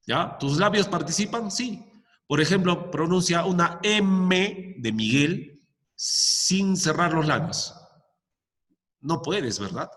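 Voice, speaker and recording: Brief: male teacher giving a lesson, animated delivery, reverberant room sound. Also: medium pitch. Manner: checks in often with "¿ya?", explains step by step with examples. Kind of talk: explaining a lesson to students. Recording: long echoing reverb.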